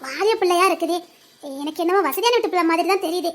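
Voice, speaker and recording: A woman voicing a kindly older village woman who talks in a quick, worried, motherly rural way. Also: extremely high pitch. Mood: concerned. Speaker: elderly village caretaker.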